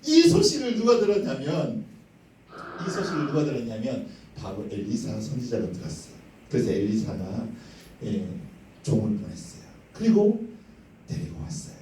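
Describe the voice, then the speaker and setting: A male children's pastor telling a Bible story in an animated, dramatic way and asking the kids questions. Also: medium pitch, moderate pace, slight background noise. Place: church sanctuary. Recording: echoey sanctuary, distant mic, faint ambience.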